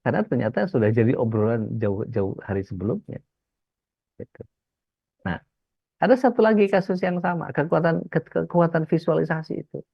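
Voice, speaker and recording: A male Islamic preacher gives a casual religious talk, telling stories and acting out the voices of the people in them. His voice is on the high side, animated, gravelly and husky at a normal speed. The dry recording sounds dull and lo-fi.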